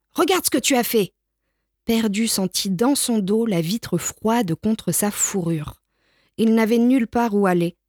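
A woman reading a children's picture book aloud in a gentle, expressive way. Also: fairly high pitch, no room sound, clean studio sound. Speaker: storyteller. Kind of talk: children's storybook read-aloud.

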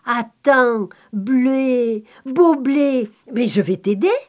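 A woman's voice: on the high side, very slow, darkish tone. A woman doing a naive, eager simple-minded young man.

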